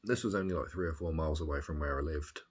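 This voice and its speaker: Very deep husky Birmingham man. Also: quick pace. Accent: Birmingham English. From Birmingham, England. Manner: rambling, hesitant, thoughtful. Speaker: video diarist. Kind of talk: casual reflective chat, recounting.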